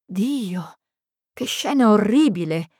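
A woman's voice: mid-range voice, expressive, slow, darkish tone, slightly rough, dry recording, clean studio sound. A woman reading the part of an older mother who murmurs, frightened and faint.

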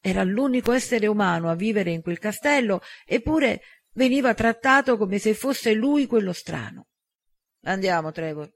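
A man reading an audiobook in an even, measured narration. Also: sits high, gravelly.

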